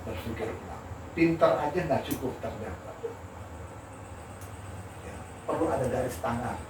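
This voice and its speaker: An older man, an architect and lecturer, giving a candid, animated informal talk and laughing as he tells stories. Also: medium pitch, moderate pace. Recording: roomy, distant mic with noisy ambience.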